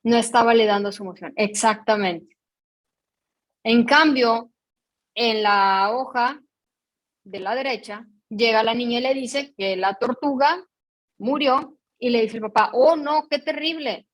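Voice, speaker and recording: An unhurried woman with a high-leaning voice and long pauses leads an online emotional education workshop in a Mexican Spanish accent. Patient explanations alternate with frequent questions to her audience, and she narrates picture dialogues in a storytelling way.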